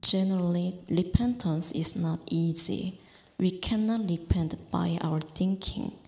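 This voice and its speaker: A woman interpreting a classmate's answer in a plain, measured way. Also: lowish voice, creaky, a little mellow, echoey room.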